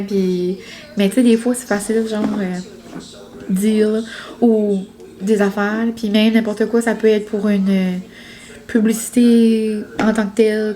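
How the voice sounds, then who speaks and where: A woman's voice: medium pitch, dark tone. A young woman with a Quebec French accent, vlogging in a casual, rambling way, full of fillers and restarts. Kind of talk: casual chat to camera.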